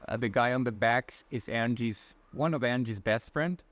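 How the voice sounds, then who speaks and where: At a moderate pace and in a mid-range, fairly bright voice, a twentysomething Ecuadorian guest answers interview questions with a Latin American Spanish accent. His casual replies are friendly and hesitant, marked by many fillers and restarts.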